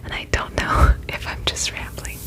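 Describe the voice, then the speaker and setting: A woman whispering a gentle, reassuring pep talk in a reflective ASMR style, her voice breathy and unvoiced. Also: normal speed, rough recording. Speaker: ASMR host.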